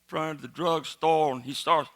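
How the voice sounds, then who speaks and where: A man's voice: a little high, fairly even intonation, moderate pace, a bit bright. A man with a Cajun accent telling a comic story in a folksy, rambling way, often repeating his phrases. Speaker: comedian, joke teller.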